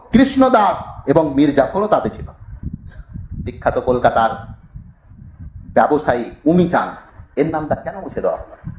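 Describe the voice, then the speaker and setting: Male preacher, higher-pitched, rhetorical and emphatic; roomy echo. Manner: rhetorical questions, emphatic swells in pitch and volume. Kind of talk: sermon-style history talk. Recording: echoey room, faint noise.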